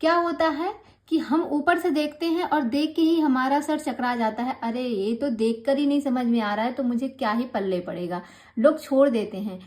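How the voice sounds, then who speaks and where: A woman teaching an online grammar class, patient and encouraging, slowing down to spell out each rule. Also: high voice. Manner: encouraging, patient explaining, slows to spell out rules.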